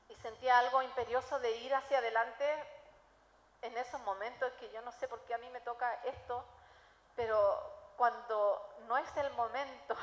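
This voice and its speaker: Woman, Chilean accent, high voice, church testimony, emotional storytelling, reverberant hall. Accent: Chilean Spanish. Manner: emotional storytelling, shifts between loud and hushed. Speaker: preacher giving testimony. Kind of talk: sermon testimony. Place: church sanctuary.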